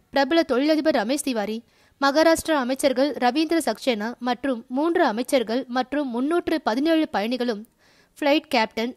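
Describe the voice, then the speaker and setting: High-voiced woman reading a crime novel. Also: no echo, studio quality. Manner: steady storytelling, voices the characters. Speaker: audiobook narrator. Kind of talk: audio novel narration.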